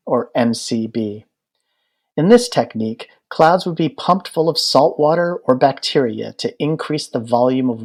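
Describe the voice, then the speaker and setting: Reading an audiobook from a prepared text, a man with a medium-pitched, slightly mellow voice explains the material at a measured pace.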